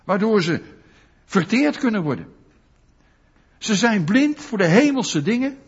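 A man preaching a sermon, animated and often putting questions to his listeners. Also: sits high, unhurried, slightly rough. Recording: dull lo-fi sound.

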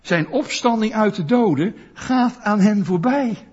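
A man preaching a sermon, animated and often putting questions to his listeners. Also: high-pitched, unhurried, breathy edge. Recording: dull lo-fi sound.

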